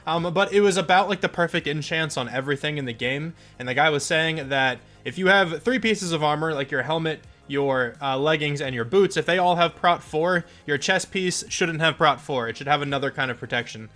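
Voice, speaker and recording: A man's voice: fairly high pitch, fairly quick, few pauses, pushed and bright. A congested young man casually commentating his own game footage as the channel host, chatty and rambling with lots of fillers. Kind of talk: casual let's play commentary.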